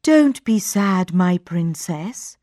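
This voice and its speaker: Aladdin, a woman doing a calm young man. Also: medium pitch, slow pace, no room sound, studio quality.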